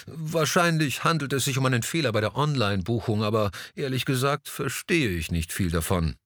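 A man's voice: mid-range voice, expressive, fairly quick, a bit bright, no echo, voice pushed up, lightly acted. A proud, silver-haired art dealer who grumbles and speaks with mild condescension, read by a male narrator. His voice rises and falls widely over a dry, close recording. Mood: testy. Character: vain silver-haired male gallery owner, gruff. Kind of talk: audiobook dialogue.

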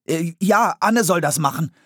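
Timid stammering boy, voiced by a man; raised pitch, slight husk. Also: big pitch swings, fast talker, a little mellow, breathy edge, dry recording, studio quality, heavily acted. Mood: nervous. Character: shy, nervous young boy.

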